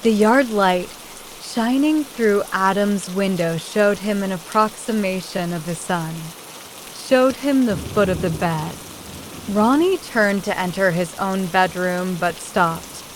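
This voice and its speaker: A woman reading a horror audiobook at a slow, unhurried pace. Her delivery is measured and steady, with faint rain falling in the background. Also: medium pitch, a little hiss or hum, poor audio. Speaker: narrator.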